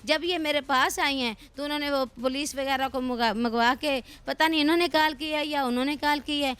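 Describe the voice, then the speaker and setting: High-voiced aggrieved middle-aged woman. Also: steady tone, fairly bright tone. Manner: aggrieved, explaining at length. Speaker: madrasa head. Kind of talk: news interview.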